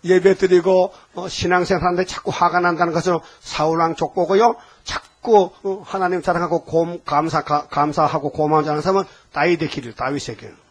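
An older man preaching a fiery sermon as pastor, firing rhetorical questions at the congregation and swinging between shouts and low, hushed lines. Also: steady tone, a little fast, few pauses.

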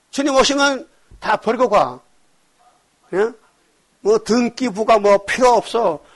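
High-voiced emphatic Korean preacher man. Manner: call-and-response, rhetorical questions to the congregation; emphatic, swings between loud exhortation and quiet asides. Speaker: pastor. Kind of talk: sermon.

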